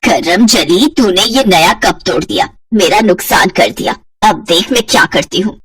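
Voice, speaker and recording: Woman doing a nasty stepmom, yells and scolds, a bit husky. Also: mid-range voice, expressive, normal speed, no echo, pitched below the performer's own voice. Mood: furious. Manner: scolding, harsh. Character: harsh cruel stepmother, scolding and bitter.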